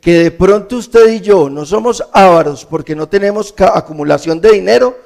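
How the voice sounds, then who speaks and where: A man preaching, his voice somewhat high and gravelly. He talks to the congregation conversationally and keeps asking rhetorical questions to check they follow. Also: moderate pace, a little mellow. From Colombia. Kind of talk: sermon.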